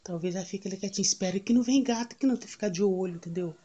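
A woman with a Brazilian Portuguese accent, vlogging casually outdoors at home on a handheld phone, tender and cooing, often dropping to a soft near-whisper. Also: medium pitch, very fast, husky, dull audio. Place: outdoors at home in strong sun. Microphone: phone camera held while filming.

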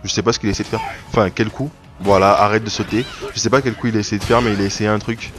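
Over loud game music, a gaming video creator casually comments on his online fighting game matches, rambling, restarting sentences frequently, and erupting in sudden excitement at surprises. His voice is on the low side and he talks at a racing pace.

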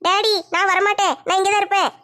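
A woman's voice: very high voice, level tone, fast talker, bright, forceful tone. A woman playing a stubborn young wife. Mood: refusing. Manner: pleading, whiny protests. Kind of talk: family comedy skit.

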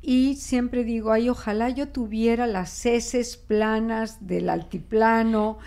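An older woman from Spain, a guest linguist, speaks slowly in a gravelly, fairly high voice during a conversational interview. Her Spanish accent is adapted toward Mexican Spanish, and her manner is expressive and reflective, full of restarts and gestures. She is indoors in a small studio office, speaking into a desk microphone.

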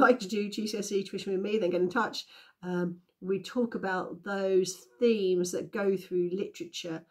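A woman tutor reads a children's classic aloud, giving it an expressive storytelling lilt. Between chapters she speaks to young pupils in a friendly teacher's voice. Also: lowish voice.

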